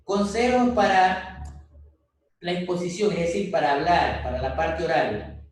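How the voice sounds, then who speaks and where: A male university lecturer with an Ecuadorian Spanish accent gives casual, practical advice to his class, slipping into mock everyday examples. His voice sits a bit high. The video-call audio is very roomy and echoey, picked up from some distance. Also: unhurried, slight background noise.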